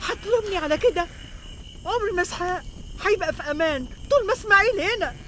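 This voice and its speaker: A woman's voice: extremely high pitch, expressive, fast talker, a bit bright, a little hiss or hum. An actress with an Egyptian Arabic accent playing Sarah, a protective, jealous mother who speaks insistently. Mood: pleading. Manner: insistent, pleading.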